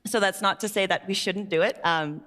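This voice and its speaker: A woman's voice: mid-range voice, fairly quick, a bit bright. A young woman speaking as a panelist on a conference stage into a headset mic, articulate and enthusiastic. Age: young adult. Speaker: panelist, research intern. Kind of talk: panel discussion.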